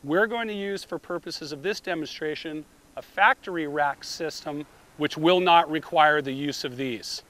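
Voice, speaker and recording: His voice is a little high and a bit bright, at normal speed. The middle-aged man is outdoors at the beach next to a car, plainly explaining a roof rack product step by step for a demonstration recorded on a camera mic.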